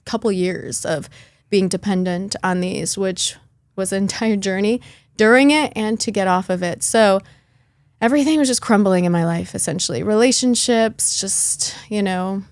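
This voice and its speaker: A woman's voice: medium pitch, normal speed, darkish tone, dry recording. Earnest chatty woman guest, dry sound. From born in Lithuania, raised in Chicago. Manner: earnest, chatty, with light laughs and fillers. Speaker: podcast guest. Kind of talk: candid personal storytelling.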